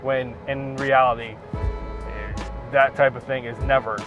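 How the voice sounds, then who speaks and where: A man from New Jersey with an American accent, talking in a halting, emphatic, incredulous way in a casual gaming vlog. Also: medium pitch, little pitch movement, dull audio. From New Jersey, USA. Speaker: gaming content creator. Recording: music behind the voice.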